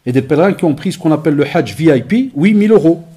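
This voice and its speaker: A man giving a lecture to young people, telling lively stories with acted-out dialogue and Arabic phrases mixed in. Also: on the high side, fast, husky. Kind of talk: conference talk to young people.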